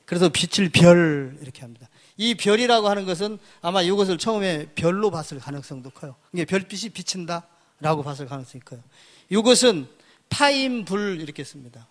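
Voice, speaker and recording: A man with a high voice delivers a public lecture, walking through each character piece by piece. He points at the board as he goes and often poses a question, then answers it himself. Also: expressive, a little fast. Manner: asks and answers his own questions.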